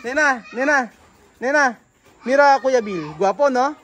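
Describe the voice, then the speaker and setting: A man's voice: very high voice, animated, normal speed, fairly bright tone, a little hiss or hum. A man from the Philippines vlogging casually, teasing and joking with local children and mixing in simple Spanish. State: out of breath. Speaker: travel vlogger.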